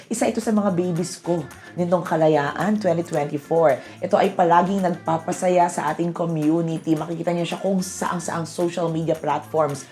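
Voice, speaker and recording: Filipina host, low voice, motherly teasing tone, faint music bed. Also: steady tone, normal speed. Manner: warm motherly teasing, calls guest "anak". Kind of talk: casual interview.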